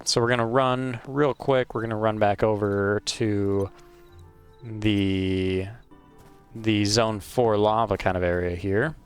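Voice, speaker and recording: Recorded on a wired microphone at home, a man casually narrates his let's play in a lowish, clean voice. His commentary is unhurried and rambling, hesitant and filled with ums and uhs.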